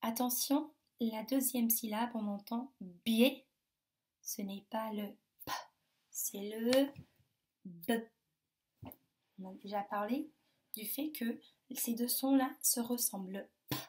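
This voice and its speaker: A woman teaching a phonics lesson to young children, sounding out words slowly with over-articulated, emphatic syllables. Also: on the high side, warm tone.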